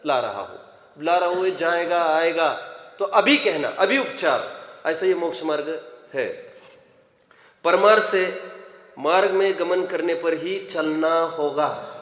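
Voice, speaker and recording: A man teaching a scripture class to students, questioning them and chatting as he explains. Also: high-pitched. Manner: conversational, quizzes students, mixes in English phrases. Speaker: religious teacher. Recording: echoey hall, long reverb.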